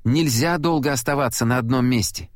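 A man reading an audiobook, voicing a tough teenage girl who speaks briskly and urgently. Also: mid-range voice, no room sound, studio quality, lightly acted.

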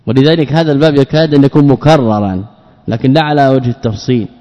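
A man's voice: mid-range voice, quick pace, dark tone. Man, religious lecture, explaining and questioning, long hall reverb, dull lo-fi sound. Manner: explains words and grammar, asks the audience questions. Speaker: Islamic scholar teaching a book. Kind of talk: religious lesson.

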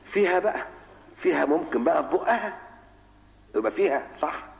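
An older man with an Egyptian accent, a sheikh teaching in a mosque lesson, who asks rhetorical questions, answers them himself, calls the listener "son" and recites verses slowly. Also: fairly high pitch, animated, vocal fry. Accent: Egyptian Arabic. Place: mosque hall. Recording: lo-fi reverberant old mosque tape.

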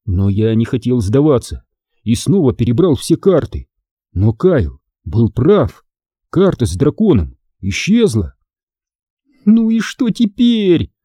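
A man reading a first-person adventure story aloud in an expressive, dramatic way. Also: mid-range voice, a little slow, husky, dry recording, clean studio sound. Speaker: audiobook narrator.

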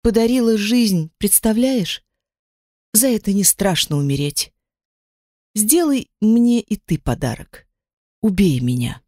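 A reader voicing a wounded, dying young woman fighter who speaks softly and haltingly, close to tears. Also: mid-range voice, animated, dry recording, voice pushed up. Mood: pleading.

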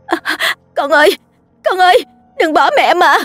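A woman voicing a frantic, cruel young mother who wails and pleads in a shrill voice. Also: slow pace, bright, forceful tone, no echo, soft background music, exaggerated voice. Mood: wailing. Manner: shrill, wailing.

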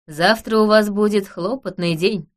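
A woman reading an audiobook, voicing a composed nobleman with a dry, wry, measured way of talking. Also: medium pitch, lightly acted.

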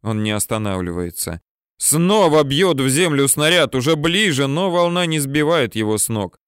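A man narrates a novel as an audiobook in a steady, mid-pitched voice. He builds tension at dramatic moments. The sound is dry and close, with no room echo. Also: normal speed, clear, resonant tone.

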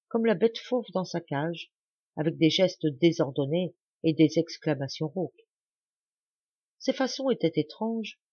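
Woman narrating a novel with breathy voice. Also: lowish voice, no room sound, highs cut off. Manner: expressive, dramatic reading. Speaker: audiobook reader. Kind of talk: scripted literary narration.

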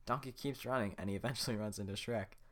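A man's voice: fairly low pitch, steady tone, fast. A man hosting a podcast, reading a script aloud in a casual, joking way with offhand asides. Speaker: podcast host.

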